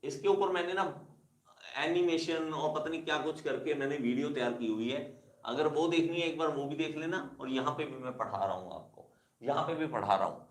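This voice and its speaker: A man's voice: fairly high pitch, brisk, reverberant. A male engineering teacher giving a classroom lecture, repeating key terms and calling his students kids. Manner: repetitive, addresses students as kids.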